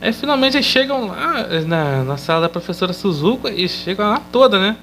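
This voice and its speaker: A Brazilian man with a fairly high voice recaps an episode in a relaxed, rambling way. He keeps tossing little questioning tags onto his sentences as he goes. A faint hiss sits under the recording. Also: brisk, poor audio. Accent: Brazilian Portuguese. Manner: loose and chatty, tags sentences with questioning fillers. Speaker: episode reviewer.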